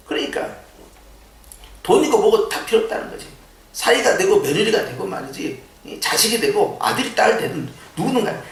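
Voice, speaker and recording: A male pastor preaching a sermon in a church, animated and full of rhetorical questions. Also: high voice. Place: church sanctuary. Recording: echoey church sound from a distance.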